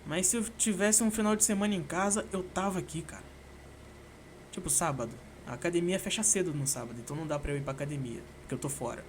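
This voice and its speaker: A young man from Brazil talks alone on his podcast in a loose, rambling way, tossing in swear words and slang fillers. His voice sits high for a man. A faint hum of background noise runs under the recording. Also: quick pace. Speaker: podcast host. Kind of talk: casual solo podcast monologue.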